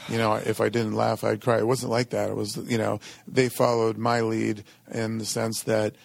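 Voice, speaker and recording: Middle-aged man with a gravelly, creaky voice. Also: lowish voice, little pitch movement, no room sound. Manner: halting, informal, frequent "you know". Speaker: interview guest, company executive. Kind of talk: reflective personal storytelling in conversation.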